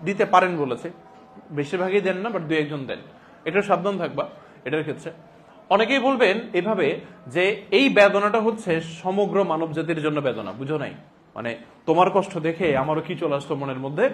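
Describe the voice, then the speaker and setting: Guy teaching a class, a bit high voice, asks questions and answers them himself, cracks jokes. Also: a little hiss or hum. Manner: explains by asking and answering his own questions, joking. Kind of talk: classroom lecture.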